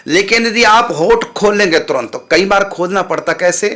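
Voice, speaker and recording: A man with a somewhat high, bright voice gives a religious teaching talk. He explains pronunciation patiently, repeating syllables one by one in a measured, instructive way. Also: lively intonation. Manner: patient, repeats sounds slowly for listeners. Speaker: spiritual teacher.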